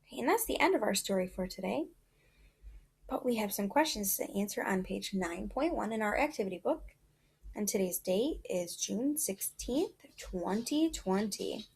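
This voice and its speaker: A woman's voice: mid-range voice, animated, normal speed, vocal fry, darkish tone, slightly rough. A woman teaching a reading lesson to young children in an encouraging, sing-song classroom manner.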